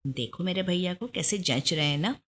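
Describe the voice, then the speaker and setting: A woman voicing a playful young sister who teases her brother, in a higher, lilting voice. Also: expressive, moderate pace, a bit bright. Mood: teasing, playful. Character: playful teasing young sister, chirpy girl.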